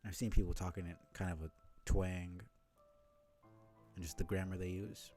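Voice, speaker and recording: A man's voice: low voice, level tone, normal speed, dark tone, soft background music. A man from New York City streaming a game, thinking aloud in a rambling, filler-heavy way. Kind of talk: let's-play commentary.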